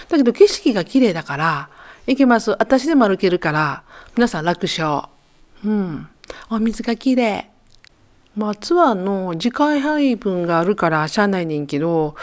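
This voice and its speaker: A woman in her sixties with a Kansai accent narrates her travel footage in a casual, joking voice-over. Her pitch sits at a middling level but swings up and down lively as she chats. She addresses listeners like old friends. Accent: Kansai Japanese. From Japan. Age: 60s. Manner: chatty, joking, talks to viewers like friends. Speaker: travel vlogger.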